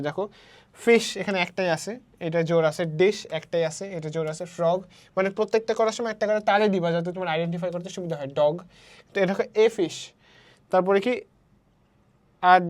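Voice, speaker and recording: With a mid-range, somewhat mellow voice, this Bangladeshi woman runs an online primary English class. She blends Bangla with English and takes the example sentences at a slow pace.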